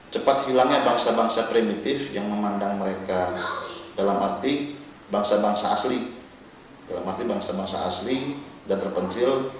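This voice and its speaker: A man's voice: lowish voice, far from the mic. A man giving a recorded online lecture, explaining steadily and dropping in small fillers between points. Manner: measured explaining with fillers like "ya" and "nah". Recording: very echoey room, voice off-mic, faint noise.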